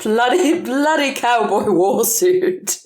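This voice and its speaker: A young woman with a high voice chats as a podcast co-host from an echoey room. Her delivery is very lively, swinging widely in pitch, with a playful, exclamatory streak. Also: takes it slowly, slight background noise. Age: young adult. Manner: excitable, jokey, exclamatory. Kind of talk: casual chat. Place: echoey room in a newly moved-into home.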